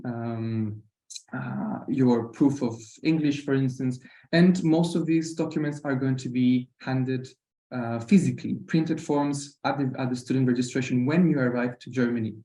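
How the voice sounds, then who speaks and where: A Costa Rican man speaking with a Costa Rican Spanish accent represents a university in an informal webinar, frequently hesitating and repeating himself. His voice is mellow and relaxed, medium in pitch, at a moderate pace. The audio sounds roomy.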